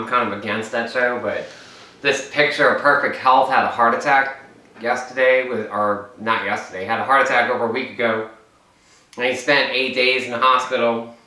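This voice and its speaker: A man's voice: on the low side, bright, forceful tone. A man chatting and rambling while he eats on camera, filming himself alone indoors. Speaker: mukbang vlogger. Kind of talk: casual eating vlog. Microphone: camera mic set up by himself. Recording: echoey room, mic at a distance, faint noise.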